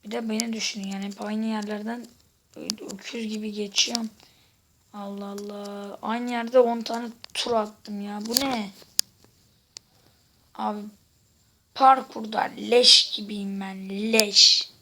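A woman giving casual gameplay commentary, exasperated, swearing and shouting out at the game while chatting to her viewers. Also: mid-range voice, fairly even intonation, takes it slowly, pauses often, noisy background. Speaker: gaming video host.

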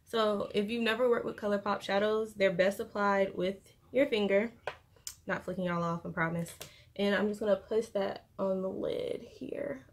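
Fairly even in intonation, her medium-pitched voice moves at a moderate pace. The young beauty vlogger chats casually with plenty of slang during a makeup tutorial, recorded indoors in her bedroom with noticeable room noise.

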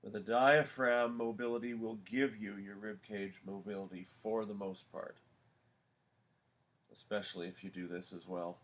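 A man teaching a yoga class for singers, giving calm, unhurried instructions with pauses. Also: fairly low pitch.

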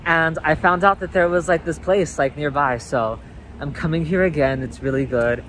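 A man's voice: fairly high pitch, moderate pace, fairly bright tone, slight background noise, low-quality recording. A man vlogging through a face mask in a loose, chatty way, full of filler words. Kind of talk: casual vlog chat to camera.

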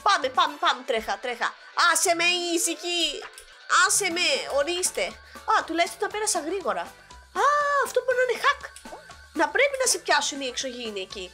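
A young woman, sick with a sore throat, giving excitable gameplay commentary as a gaming YouTuber. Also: very high-pitched, faint music behind. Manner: excitable, exclaiming at the game.

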